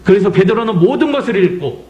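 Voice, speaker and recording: A man's voice: high-pitched, expressive, fast talker, highs cut off. A middle-aged man from South Korea preaching a sermon as pastor, acting out quotes and asking the congregation pointed questions. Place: church sanctuary. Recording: echoey church sanctuary.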